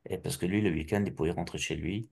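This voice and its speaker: A middle-aged man from Alsace giving a personal testimony, halting and restarting often with repeated words. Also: deep voice, steady tone, gravelly, a little mellow. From Alsace, France.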